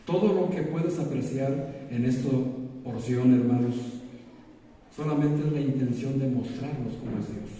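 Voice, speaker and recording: A man's voice: mid-range voice, dark tone, slight background noise. A man, preaching a sermon as pastor, asking his congregation rhetorical questions. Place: church sanctuary. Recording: echoey church hall, preacher far from mic.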